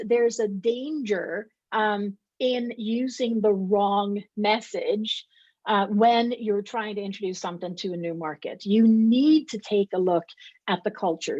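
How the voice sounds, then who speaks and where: A woman's voice: medium pitch, darkish tone, slightly rough, no room sound, muffled recording. A middle-aged woman from Sweden, a company co-founder answering interview questions in an explanatory, emphatic way, often checking in with "right?". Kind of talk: conversational interview.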